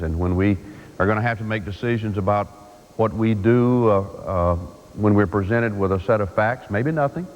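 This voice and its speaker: A man giving a measured formal speech as a senator in a large chamber, pausing often with fillers, heard from a worn tape copy. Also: lowish voice, big-room sound, slight background noise, rough recording. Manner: measured, halting with frequent fillers. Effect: worn VHS tape copy.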